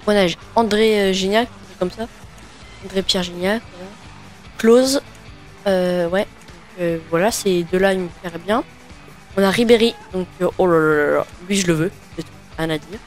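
A man's voice: sits high, moderate pace, soft background music. A man giving casual gaming commentary while opening packs, hesitant and full of fillers and restarts. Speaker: gaming video creator.

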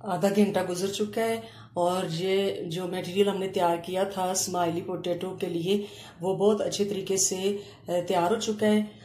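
A woman explaining a home cooking recipe step by step, pausing often as she works in a kitchen. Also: lowish voice. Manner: calm step-by-step explaining with frequent hesitations. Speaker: cooking channel host. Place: home kitchen counter, indoors. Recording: echoey room with faint ambient noise.

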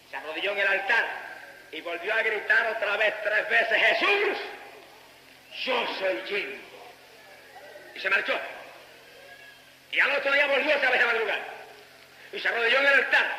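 A man with a Puerto Rican accent preaching a fervent sermon as an evangelist, breaking into shouted praise between stretches of storytelling. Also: high-pitched, a little hiss or hum. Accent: Puerto Rican Spanish. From Puerto Rico. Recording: echoey hall with long reverb.

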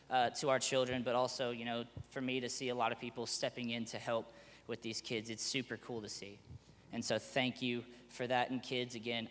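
Guy doing church announcements, chatty and pumped up, lots of hall echo. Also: medium pitch. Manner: upbeat, excitable, chatty. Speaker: church pastor. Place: church sanctuary.

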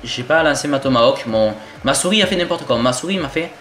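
A young man from southern France with a southern French accent, giving excitable, swearing gameplay commentary as he plays an online shooter. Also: mid-range voice, fast, slight background noise. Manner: excitable, swears often, jokey asides. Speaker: gaming YouTuber. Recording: roomy home recording with game music.

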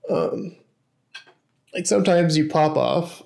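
A young man streaming from a small room at his desk, talking casually and haltingly, thinking aloud with lots of fillers. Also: a little high, gravelly, darkish tone. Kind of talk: casual live-stream commentary.

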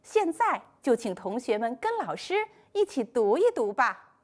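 A woman teaching a first-grade class in a scripted online lesson, speaking slowly in a sing-song, encouraging way. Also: on the high side, very animated. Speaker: primary school teacher.

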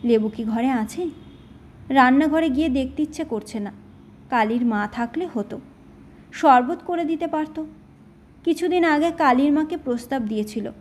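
High-voiced woman narrating a short story. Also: darkish tone, a little hiss or hum.

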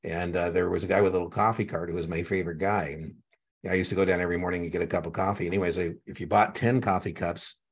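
Man, middle-aged, exam tutor, very low voice, husky, chatty, repeats key points. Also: steady tone, fast. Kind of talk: one-on-one tutoring session.

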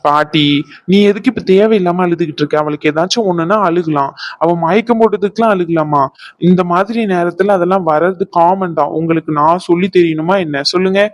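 A young male doctor who reassures his anxious family and teases his sister, as a cartoon performer voices him. His tone is steady and plain. The recording is dry, with no room around it. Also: mid-range voice, a little fast, dry recording, lightly acted. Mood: reassuring. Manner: reassuring, bossy at times. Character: calm young male doctor, teasing brother. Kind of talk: cartoon voice acting.

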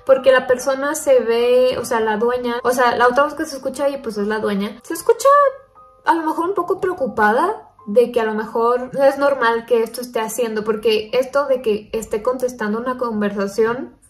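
A woman's voice: on the high side, fairly quick, soft background music. A young woman vlogging casually to her viewers, chatty and thinking aloud with lots of fillers. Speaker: paranormal stories vlogger.

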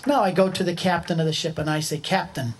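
Animated older man telling a story. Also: a little high, quick pace, breathy edge. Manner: animated, acts out voices. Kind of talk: storytelling talk.

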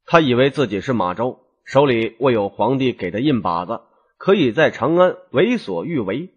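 A man narrating a long audiobook novel in a lively, expressive storytelling style. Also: mid-range voice, moderate pace, slightly rough, highs cut off.

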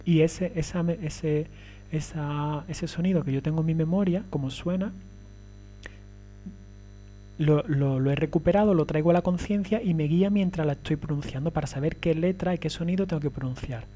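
A man's voice: on the high side, moderate pace, warm tone, a little hiss or hum. A man giving a recorded lecture, explaining step by step and often checking that listeners follow.

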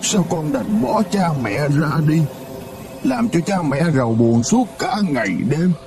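A man's voice: on the high side, expressive, a little slow, a loud crowd. A man voicing a grieving old rich father, pleading and lamenting in a storybook reading.

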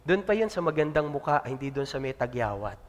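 A man preaching a sermon as pastor, swinging between loud calls and soft asides. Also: mid-range voice, very animated, a little fast, big-room sound.

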